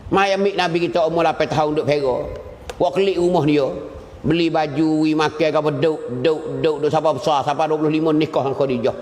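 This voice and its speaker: A man delivers an Islamic lecture in a fairly high voice. His storytelling swings up and down in pitch and keeps repeating short phrases. The sound rings with a long hall reverb. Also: darkish tone. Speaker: religious teacher.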